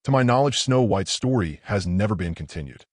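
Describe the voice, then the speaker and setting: A man acting as a dry, deadpan foil to the host in a comedic review. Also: fairly low pitch, brisk, no room sound.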